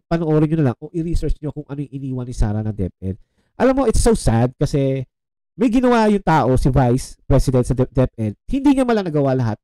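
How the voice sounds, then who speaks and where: A man's voice: fairly high pitch, dry recording, rough recording. A man in a casual political commentary vlog, mixing Tagalog and English as he talks straight to his viewers. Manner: animated, switches between Tagalog and English; addresses viewers as "mga chong".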